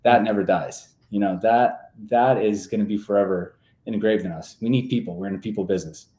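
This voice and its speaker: A man in his twenties from Serbia, a real estate agent talking as a guest in a relaxed, easygoing way, full of fillers and restarts. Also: lowish voice, a little fast, echoey room. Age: 20s. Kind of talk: casual interview talk.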